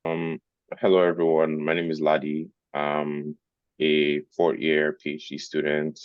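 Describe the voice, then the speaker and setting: A man's voice: a bass voice, monotone, unhurried, no room sound, muffled recording. A man from Nigeria, a PhD student on a student panel, giving a brief, friendly self-introduction with some ums.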